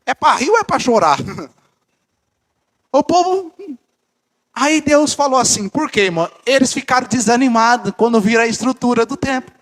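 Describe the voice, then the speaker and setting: A man's voice: very high voice, lively intonation, moderate pace, long pauses, a bit bright. A man preaching a fervent sermon to a church congregation, addressing them as brothers, his voice swinging up and down. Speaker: pastor. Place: church service.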